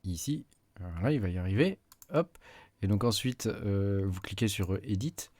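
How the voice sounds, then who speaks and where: Casual tech tutor, low voice, dry close sound, halting delivery with fillers. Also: male voice, animated, darkish tone, no echo. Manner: hesitant, many fillers, talks while clicking. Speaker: tech YouTuber. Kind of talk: casual screen-recorded tutorial.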